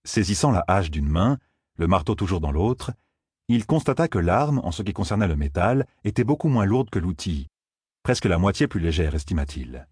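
A man's voice: low voice, moderate pace, breathy edge, dry recording, clean studio sound. A man narrating a fantasy audiobook expressively. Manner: expressive, voices each character.

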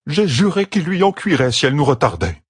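A man's voice: on the high side, big pitch swings, fairly quick, slightly rough, no room sound, studio quality, pitched above the performer's own voice, exaggerated voice. A man reading a story aloud, voicing a stern elder wise woman who grumbles her demands.

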